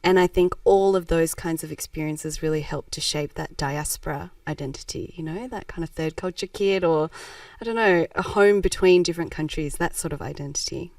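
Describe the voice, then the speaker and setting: A Japanese-born social enterprise founder, appearing as a guest on a conversational podcast, reflects thoughtfully and laughs often. Her voice sits low and a little mellow, moving at a moderate pace with few pauses, recorded on a dry, slightly distant mic with no echo.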